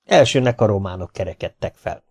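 A man reading a first-person humorous memoir as an audiobook, lively and expressive. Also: deep voice, creaky, husky. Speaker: audiobook reader. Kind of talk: scripted first-person narration.

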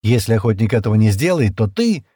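A man's voice: fairly low pitch, very animated, quick pace, no room sound, clean studio sound. A man voicing a firm, commanding young hero. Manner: firm, forceful, urgent. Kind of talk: audiobook character voicing.

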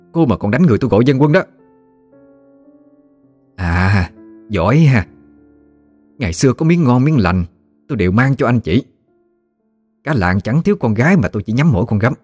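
A male storyteller voicing a shrill, accusing village mother-in-law in an audiobook story. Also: no echo. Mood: bitter. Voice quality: shrill, wailing. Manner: accusing, theatrical outbursts.

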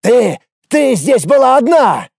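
Furious male mage, hysterical, shouting accusations, voiced by a narrator; raised and loud, in a dry storybook read. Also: a little high, expressive, moderate pace, dry recording, natural voice. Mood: angry shouting.

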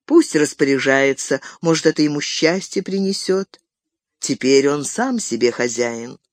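A reader voicing an old male hobbit who stammers and grows shrill and possessive, in an audiobook reading. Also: animated, a little slow, dry recording, clean studio sound, natural voice. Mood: wistful. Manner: stammering, turns shrill and grasping.

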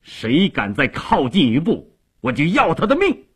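A man voicing a desperate young nobleman who shouts threats, in a radio story. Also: fairly high pitch, wildly swooping pitch, measured pace, husky, pitched above the performer's own voice, exaggerated voice. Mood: enraged.

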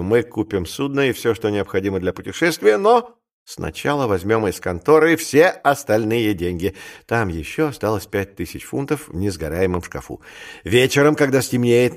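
A man voicing a bold, reckless male clerk and gambler who talks in a brisk, commanding way, in an audiobook. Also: fairly low pitch. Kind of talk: audiobook character reading.

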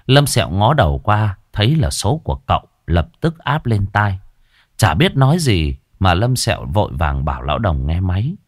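A man narrating a story in a lively, expressive way. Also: low voice, normal speed, no echo, clean studio sound.

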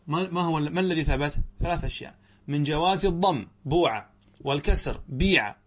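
A man's voice: a little high, fairly bright tone. A middle-aged man, a sheikh teaching Arabic grammar in a lesson, explaining step by step and asking his students questions before answering them. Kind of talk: classroom lesson commentary.

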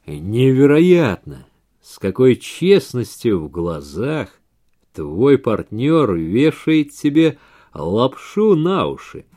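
A man voicing a cold, sinister male stranger who hisses his lines calmly in a story reading. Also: mid-range voice, slow. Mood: menacing. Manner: hissing, menacing, calm.

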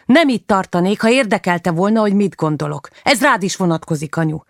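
A woman's voice: mid-range voice, animated, dry recording, clean studio sound. A woman reading a first-person novel aloud, with emotion that rises sharply in the heated scenes. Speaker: audiobook narrator.

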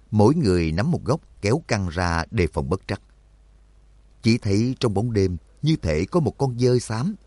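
Male narrator, deep, animated storytelling, dry close-mic audiobook read. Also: no echo. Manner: expressive storytelling, voices for characters. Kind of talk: scripted narration.

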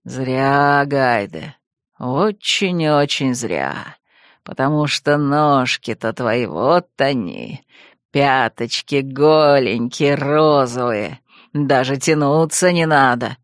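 A woman voicing a playful young man who purrs his threats slowly and low. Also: lively intonation, no room sound, clean studio sound, full character voice. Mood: teasing menace. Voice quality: low slow purr. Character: teasing young man, purring and menacing.

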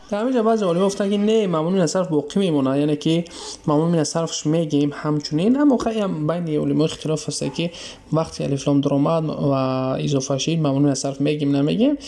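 Mellow-voiced Tajik man teaching grammar. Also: fairly high pitch. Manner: keeps checking understanding with quick questions; hesitant, many filler sounds. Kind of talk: classroom lesson explanation.

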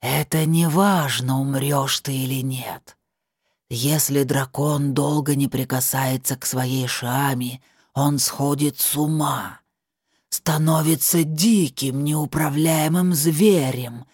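A cruel invisible spirit with a husky, breathy voice, taunting and scornful in every word, as a woman puts him on for an audiobook. He drags his words out slowly, in a dry, close-miked read. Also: rumbling low, darkish tone, dry recording, full character voice. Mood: stern. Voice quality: husky, slow and drawn out. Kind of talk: audiobook narration.

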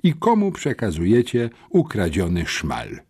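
A sneering, suspicious police officer, as a male narrator puts him on, leaning hard on the boys in an audiobook. His voice climbs and drops widely as he mutters and then presses, with a mellow, slightly husky tone. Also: fairly low pitch, huge pitch swings, measured pace, pitched above the performer's own voice, full character voice. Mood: interrogating. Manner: mocking, mutters, stern interrogator. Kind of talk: audiobook character voice.

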